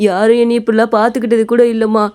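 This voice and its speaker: A woman's voice: a little high, little pitch movement, quick pace, darkish tone, clean tone, close to an everyday voice. A woman voicing a poor, injured, lonely male laborer in a cartoon story, talking in a plaintive, pained way. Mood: grateful.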